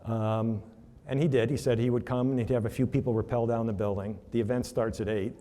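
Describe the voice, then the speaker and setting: Talking a little fast in a steady, mellow, medium-pitched voice, a man presents at a charity reception in a reverberant banquet hall. His casual speech mixes storytelling over slides with fillers and requests for the next slide.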